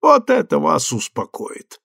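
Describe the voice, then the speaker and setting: A man reading the part of an older, calm, courtly colonel who speaks softly. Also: on the high side, measured pace, creaky, slightly rough, dry recording, studio quality, voice pushed up, full character voice. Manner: soft, hushed, gallant.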